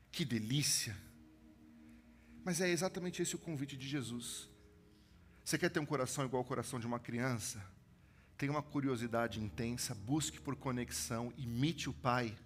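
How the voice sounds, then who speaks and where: A man in his thirties, a pastor from São Paulo with a São Paulo accent, preaching a sermon with animated storytelling that swings from loud build-ups to hushed lines. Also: mid-range voice, slight background noise. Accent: São Paulo Brazilian Portuguese. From São Paulo, Brazil. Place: church stage.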